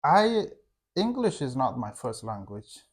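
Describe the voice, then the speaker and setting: Chatting easily with his wife, this young English teacher from Afghanistan, a Hazaragi native speaker who co-hosts a channel, speaks English at a normal mid-range pitch. His speech is halting: he searches for words, doubles back, and leans on "like," much as he would casually talking to learners.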